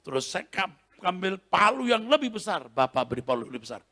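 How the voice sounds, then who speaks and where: A male preacher delivering a sermon in a convention hall, telling stories with lively dramatic swings in pitch. His voice sits on the high side, and he laughs often as he acts out scenes. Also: brisk. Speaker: pastor. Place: large convention hall, Christmas service.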